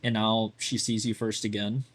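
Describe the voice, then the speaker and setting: A man's voice: fairly low pitch, level tone, moderate pace. A man coaching a player through their gameplay in a casual, blunt way, full of "like" fillers. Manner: blunt, chatty, lots of fillers like "like". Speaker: game coach.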